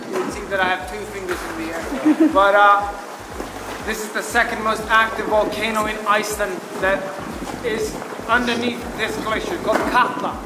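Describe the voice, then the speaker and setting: Tour guide guy, high voice, booming cave echo, lots of wind noise. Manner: informative with dry jokes. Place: inside an ice cave.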